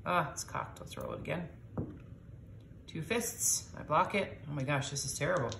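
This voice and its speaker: A middle-aged woman with a low, gravelly voice and huge pitch swings hosts a casual board game session with her daughter, chatting to viewers at normal speed. She explains the rules aloud and reacts with little exclamations, in a roomy recording with a noisy background.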